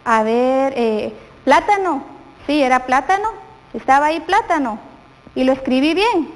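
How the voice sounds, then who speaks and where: Slow, high-voiced Guatemalan woman teacher. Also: animated, long reverb tail, poor audio. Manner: slow, questioning the viewers often. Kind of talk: televised classroom lesson.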